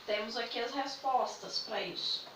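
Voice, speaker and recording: A woman's voice: a little high, moderate pace, fairly bright tone, roomy sound, far from the mic, a little hiss or hum, poor audio. A woman, patiently explaining English grammar in a video lesson and checking in with her students often. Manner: patient, repeats points with "né?" and "tá?". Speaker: English teacher.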